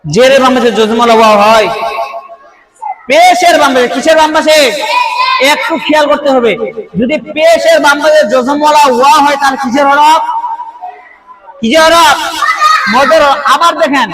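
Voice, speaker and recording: A man's voice: extremely high pitch, moderate pace, pauses often, crowd noise. A man teaching a Quran reading lesson, quizzing students with repeated questions and often calling out. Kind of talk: classroom lesson. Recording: echoey room.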